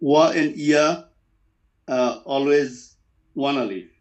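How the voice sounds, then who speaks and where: A man's voice: medium pitch, extremely slow. A man, a student in an online class, hesitantly asking about prolonging vowels in recitation. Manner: hesitant, searching for words. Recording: echoey room.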